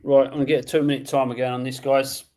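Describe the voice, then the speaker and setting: A man runs a live koi auction over a stream, talking in a brisk, matter-of-fact way. He reads out lot details, starting bids and countdowns, with loose, casual chat in between. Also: medium pitch, flat delivery, dark tone. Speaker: auction host.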